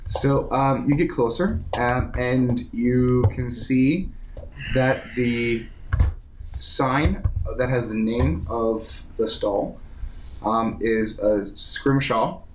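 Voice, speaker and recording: A man's voice: medium pitch, drawn-out words, noisy background. Man running a tabletop game. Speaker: game master. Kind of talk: casual tabletop game narration.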